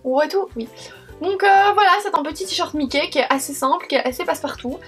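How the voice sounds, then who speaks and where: A woman's voice: high voice, animated, fast talker, a bit bright, soft background music. A young woman chatting casually in a haul vlog, rambling with many fillers and restarts. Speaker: vlogger.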